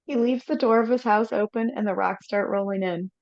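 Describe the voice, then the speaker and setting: A woman talks a little fast with vocal fry at medium pitch, reading a film script's stage directions aloud for a live read-through. The reading is steady with small slips, captured on a computer mic over a video call that sounds slightly dull.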